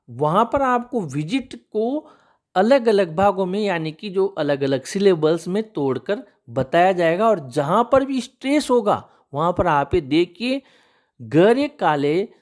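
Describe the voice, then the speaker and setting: A man with a high-pitched voice teaches English spelling rules, patiently going through one example after another. He addresses his viewers as friends.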